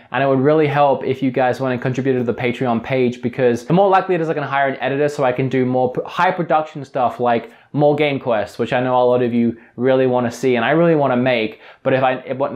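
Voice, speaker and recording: A young Australian man with an accent drifting toward American, talking earnestly and rambling in a casual vlog, often restarting his sentences. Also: mid-range voice. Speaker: YouTube host. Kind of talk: casual vlog talk to camera.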